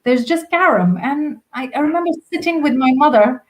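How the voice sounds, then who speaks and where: A middle-aged woman from Kenya, a sports director speaking as a podcast guest, telling heartfelt stories in an animated way. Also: high-pitched, normal speed. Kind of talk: casual podcast conversation.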